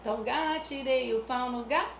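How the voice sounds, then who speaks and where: A Brazilian music educator chats casually with parents about music activities for children, often adding "né?" and singing nursery rhymes as examples. Her voice is high-pitched and fairly bright with vocal fry, at normal speed. The room is echoey, with faint background noise.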